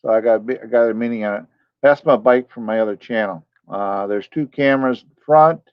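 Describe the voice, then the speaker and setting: A man's voice: medium pitch, a little fast, smooth, no room sound, muffled recording. A man hosting a casual live stream, rambling and talking to his chat viewers by name.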